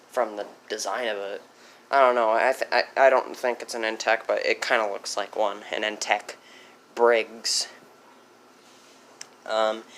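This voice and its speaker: Excitable teenage boy filming on a phone. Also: mid-range voice, slight background noise. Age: teens. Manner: rambling, self-correcting, easily excited. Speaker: small engine vlogger. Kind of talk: casual vlog. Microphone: handheld phone.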